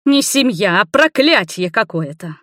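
Woman doing a bossy grandmother over eighty, high raised voice, loud, scolding, dry close sound. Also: big pitch swings, normal speed, no echo. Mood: indignant. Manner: commanding, reproachful.

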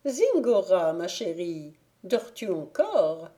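A woman voicing an imperious female fairy who shouts orders at her squire in a shrill, commanding voice. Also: sing-song, slow. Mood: calling sweetly.

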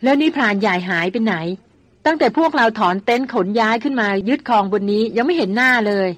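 A woman's voice: fairly high pitch, lively intonation, fast, no echo. A woman voicing a grown man, a former army officer who answers with mock-humble teasing.

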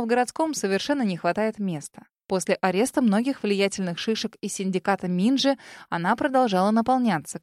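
A woman narrating an audiobook in a measured, expressive storytelling voice. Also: mid-range voice, no echo, studio quality. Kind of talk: scripted narration.

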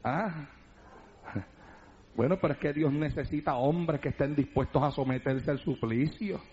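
A man preaching a fervent radio sermon from a church altar, emphatic and often shouting. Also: fairly high pitch, unhurried. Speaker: pastor. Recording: dull lo-fi radio broadcast recording.

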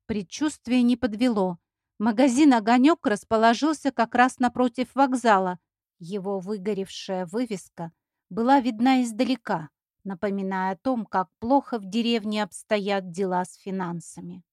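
A woman reading a story aloud in the first person, in an even, clear storytelling manner. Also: mid-range voice, moderate pace, dry recording, studio quality. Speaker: narrator. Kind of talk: audiobook reading.

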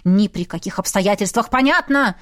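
A woman's voice: mid-range voice, normal speed, fairly bright tone, close to an everyday voice. A woman voicing an angry young male mage who barks stern commands.

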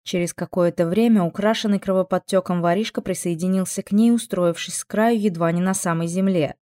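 A woman's voice: lowish voice, fairly quick, warm tone, no room sound. Woman narrating an audiobook, dry sound. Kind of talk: scripted narration.

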